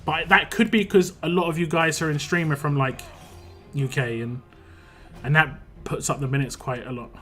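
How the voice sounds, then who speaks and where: Streaming a game, this young West Londoner rambles in casual live chat, talking fast with frequent restarts and fillers. His voice sits on the high side with fairly even intonation and a bit of brightness. Faint music plays behind him.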